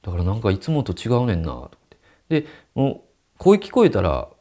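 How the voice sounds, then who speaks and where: A man's voice: on the low side, huge pitch swings, fast talker, dark tone. A man telling a ghost story and acting out the quoted dialogue.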